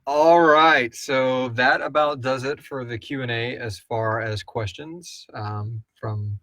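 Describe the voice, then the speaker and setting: With a pushed, bright, mid-range voice and steady tone, he speaks slowly, with no room sound around him. He's the co-host and producer of an audio drama podcast, casually taking listener questions at a live Q&A in an informal, rambling, jokey manner.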